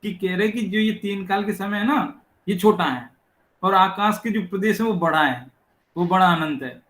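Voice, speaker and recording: A man giving a religious scripture lecture, explaining step by step, asking rhetorical questions and reciting verses slowly. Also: high voice, fairly bright tone. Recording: echoey room.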